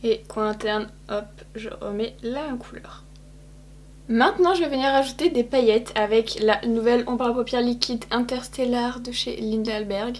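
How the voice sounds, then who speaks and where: With a little hiss or hum behind her, a young woman with a higher voice gives a chatty eye makeup tutorial. This beauty vlogger speaks straight to her viewers and happily makes fun of herself.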